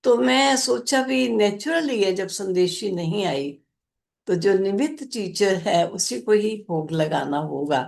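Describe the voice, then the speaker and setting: An older woman, a spiritual teacher, gently recounting a personal experience in a spiritual discourse. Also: mid-range voice, expressive, slow pace, gravelly.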